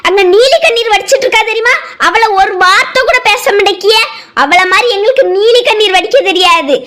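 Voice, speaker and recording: A performer voicing a sharp-tongued younger sister in a cartoon family drama, firing accusing questions at her elder brother. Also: extremely high pitch, fairly quick.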